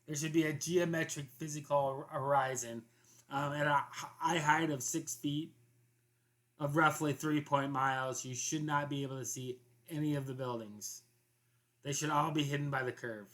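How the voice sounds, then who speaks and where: Man, commentary host, casual monologue, rambling, bright forceful tone, slightly high pitch. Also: fairly even intonation, normal speed. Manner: rambling, with frequent restarts and fillers.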